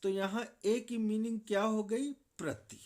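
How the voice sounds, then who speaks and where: A man's voice: high-pitched, steady tone, unhurried, darkish tone. A man with a Hindi accent explaining English grammar in a classroom lecture style, repeating key points. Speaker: English teacher.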